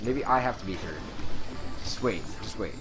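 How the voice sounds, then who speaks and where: A man's voice: lowish voice, animated, moderate pace, heavy background noise. A young man giving casual, profane, exasperated commentary while playing a co-op video game. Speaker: let's play gamer. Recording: game music over the voice. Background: video game music and sounds.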